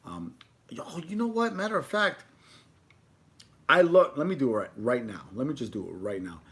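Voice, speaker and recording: A man's voice: mid-range voice, big pitch swings, normal speed, a bit bright. A man chatting informally on a food livestream, rambling along with casual slang. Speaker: food video creator.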